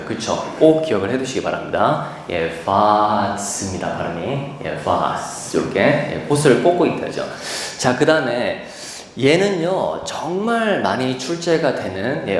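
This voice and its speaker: A man's voice: mid-range voice, slight background noise. Man teaching in an echoey lecture hall. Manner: explains patiently, repeats key words with "예"; slows to model English pronunciation. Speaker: TOEIC instructor. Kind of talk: classroom lecture. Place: lecture room. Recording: echoey hall, distant mic.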